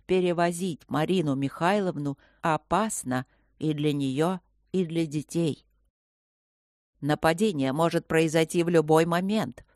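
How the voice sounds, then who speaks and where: A woman's voice: low voice, a little mellow, no echo, studio quality. A woman reading the part of a firm, insistent head doctor in an audiobook. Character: stern older male head doctor.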